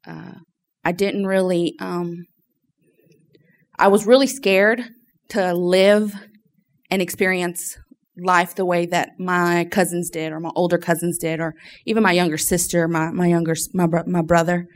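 Woman from louisiana, lowish voice, giving a casual testimony to a group, kinda halting as she hunts for words. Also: fairly even intonation. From Louisiana, United States. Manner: hesitant, searching for words. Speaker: church member giving testimony. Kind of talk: informal personal testimony to a group.

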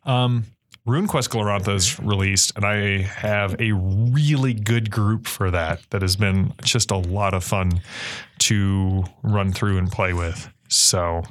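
A man's voice: on the low side, fairly even intonation, takes it slowly. A man hosting a casual podcast chat, steering the talk and often chiming in with short agreements. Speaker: podcast host.

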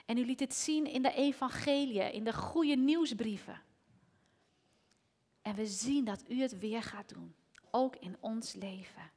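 A woman's voice: on the high side, unhurried. A woman preaching in a reverberant hall. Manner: lively, rising to near shouting, dropping to whispers. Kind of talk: sermon.

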